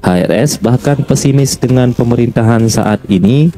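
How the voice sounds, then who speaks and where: A man reading scripted news narration in a flat, even delivery. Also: mid-range voice, normal speed. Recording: narration over background music.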